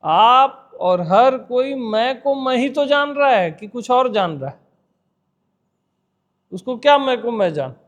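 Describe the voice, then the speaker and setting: A man's voice: very high-pitched, expressive, slow pace, dull audio. A man giving an informal spiritual talk to listeners, conversational, repeating words and putting questions to his audience. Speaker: spiritual teacher. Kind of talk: informal satsang discourse.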